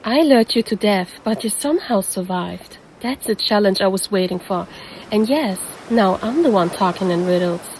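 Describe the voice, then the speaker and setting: A woman's voice: medium pitch, moderate pace, darkish tone, slight background noise, lightly acted, low-quality recording. A woman voicing a predatory female siren who poses as a lifeguard and teases the listener in an audio roleplay. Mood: teasing, menacing. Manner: teasing, calls the listener handsome.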